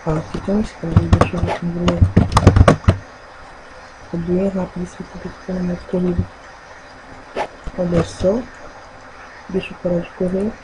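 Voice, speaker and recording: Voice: medium pitch, level tone, normal speed, long pauses, very noisy. A gaming channel host with a Brazilian accent, giving rambling, casual commentary while playing and thinking aloud.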